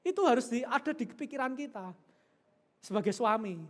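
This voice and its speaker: A woman's voice: a little high, lively intonation, moderate pace, big-room sound. A woman pastor preaching in a church, chatting and joking with the congregation and asking them questions. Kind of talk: sermon.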